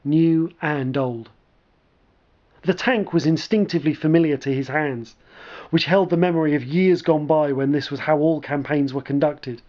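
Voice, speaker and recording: Man reading a story aloud, measured and dry, kinda high voice, dull lo-fi audio. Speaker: narrator.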